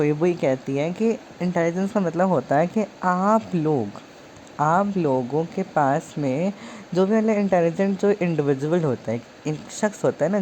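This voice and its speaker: A woman's voice: on the low side, a little mellow, slight background noise. A woman teaching psychology in a chatty, playful way, acting out little scenes to explain ideas. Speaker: psychology tutor. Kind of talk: casual online lesson.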